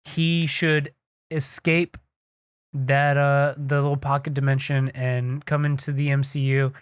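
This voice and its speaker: A young man co-hosting a casual podcast, excitable and swearing freely as he talks in quick bursts. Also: mid-range voice, clear, resonant tone, dry recording. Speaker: podcast co-host. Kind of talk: casual chat. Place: home studio. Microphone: desk mic on a live stream.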